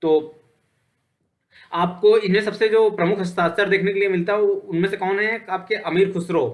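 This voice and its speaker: A man's voice: sits high, steady tone, moderate pace. A man teaching an online lesson in a conversational way, asking questions and answering them himself, often checking in with his listeners. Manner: conversational, repeats points with "ठीक है". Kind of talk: online lecture.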